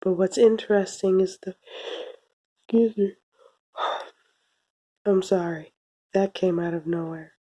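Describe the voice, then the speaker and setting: Young female reviewer, soft and slightly cracked from illness, mellow tone, unhurried delivery. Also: mid-range voice. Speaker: video reviewer. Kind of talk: casual anime review to camera. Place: small room indoors. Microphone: phone or webcam at arm's length.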